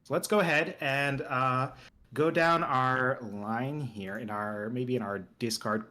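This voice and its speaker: A man's voice: mid-range voice, slow pace. A man hosting a tabletop game as game master, chatting casually and loosely with fillers. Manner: relaxed, rambling, with fillers.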